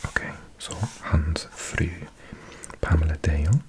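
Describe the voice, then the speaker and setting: A man whispers an unhurried ASMR study session, his breathy voice sitting low. He murmurs close to the microphone and thinks aloud as he sounds out words. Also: flat delivery. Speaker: ASMR creator.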